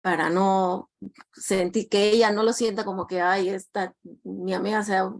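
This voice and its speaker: A woman's voice: medium pitch, fairly even intonation, normal speed. A woman student recounting a personal anecdote in class, hesitant, with many restarts and tag questions.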